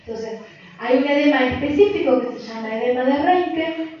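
A woman's voice: sits high, moderate pace, a little hiss or hum. A woman explains things to a group, repeating points for emphasis. She sounds far from the microphone in a very echoey room, and the recording is muffled. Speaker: voice workshop speaker. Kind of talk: lecture to a group. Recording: echoey room, distant mic, dull sound.

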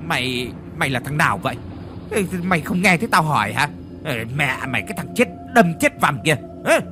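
A man's voice: fairly high pitch, big pitch swings, normal speed, music in the background. A man doing a coarse stammering old master. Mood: blustering. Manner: shouting, stammering. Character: coarse old rich man, blustering and easily terrified. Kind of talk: horror story narration.

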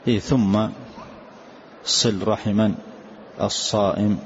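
An older man, a sheikh, explains the rules of a recitation poem line by line in a calm, repetitive way, often saying "yes" between points. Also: on the low side, slow. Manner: calm, repetitive, answers with short "na'am". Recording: dull lo-fi lecture recording with faint hiss.

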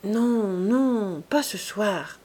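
Woman voicing a young man, uneasy, hushed, halting, slow, audiobook. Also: mid-range voice. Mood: pleading.

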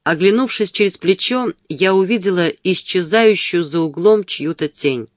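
Male audiobook narrator, fairly high voice, dry close sound. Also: moderate pace, no room sound. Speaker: audiobook reader.

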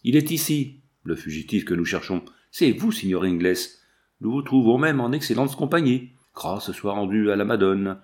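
A man's voice: lowish voice, expressive, moderate pace, a little mellow, lightly acted. A man reading an audiobook, voicing a menacing male bandit chief who sneers and threatens. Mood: sneering.

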